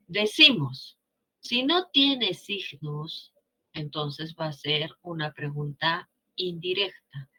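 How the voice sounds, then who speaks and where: Slow, bright-voiced woman teacher. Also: low-pitched, slightly rough. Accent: Peruvian Spanish. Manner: coaxing, checks understanding with rhetorical questions. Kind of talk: grammar lesson.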